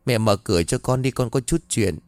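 A man's voice: mid-range voice, a little fast, darkish tone, dry recording, lightly acted. Tearful stammering young woman, voiced by a male narrator, pleading and scared, story reading. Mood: anxious. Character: frightened young woman, spoiled pleading daughter.

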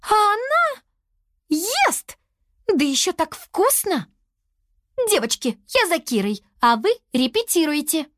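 A woman's voice: unhurried, no room sound, clean studio sound. A woman voicing a bossy, fussy young girl leader in a children's audio story. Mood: indignant. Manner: high excited exclamations.

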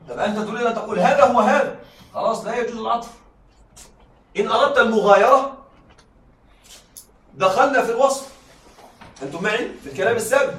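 In a high, slightly bright voice, a man gives a rhetoric lecture to his class, often checking they follow and going back over examples. The room is echoey, the microphone distant, and faint noise is audible.

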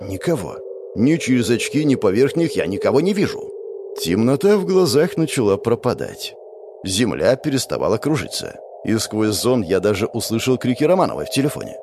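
A man narrating a first-person audiobook in a dramatic, expressive way. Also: medium pitch, a little fast, background noise.

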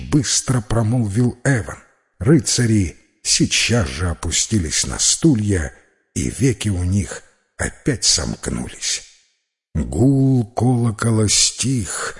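A man narrating a fairy tale as an audiobook, in slow, even storytelling. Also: on the low side.

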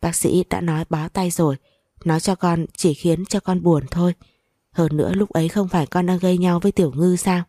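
A woman's voice: lowish voice, fairly even intonation, a little fast, no room sound, studio quality. Woman voicing a frail, tender old grandfather. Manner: soft, tender speech. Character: frail dying old grandfather, gentle and loving.

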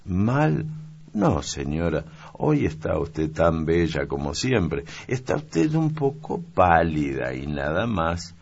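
A chatty young servant girl speaks in a high, eager, gravelly voice, as a male audiobook reader puts her on. She keeps an unhurried pace. The recording sounds dull and lo-fi. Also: sing-song, heavily acted.

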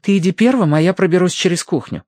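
A woman's voice: lowish voice, quick pace, a little mellow, dry recording, studio quality, voice pushed up, natural voice. A man voicing a bold, composed young woman in an audiobook.

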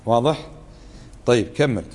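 A man's voice: medium pitch, expressive, moderate pace, a little mellow. Man teaching in a reverberant hall. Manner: conversational, keeps asking the listeners to confirm; acts out tones of voice to show meaning. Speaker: religious teacher. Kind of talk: lesson commentary.

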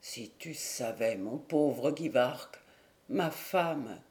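A grieving young man speaks in a low, broken voice, his words choked with tears, as a woman reading a storybook puts him on. The tone is soft and mellow, pitched well under the reader's own, with a timbre that sounds unlike her usual voice. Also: takes it slowly. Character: grief-stricken young husband, haggard, sobbing.

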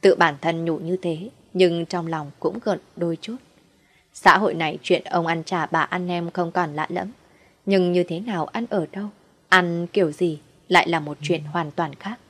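A woman's voice: lowish voice, fairly even intonation, normal speed, fairly bright tone. A woman narrating a first-person family drama story, telling it through the husband's eyes.

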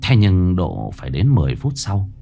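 A man narrating a ghost story in a tense, expressive storytelling manner. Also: sits low, moderate pace, gravelly, soft background music.

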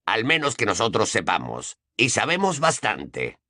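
A man doing a quiet, brooding wizard. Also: wildly swooping pitch, measured pace, no echo, studio quality, full character voice. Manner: low, quiet.

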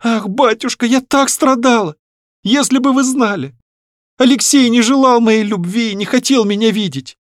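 A man reading an audiobook, voicing a frightened, tearful young noblewoman in a high pleading voice. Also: moderate pace, no echo, studio quality. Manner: high pleading voice, near tears.

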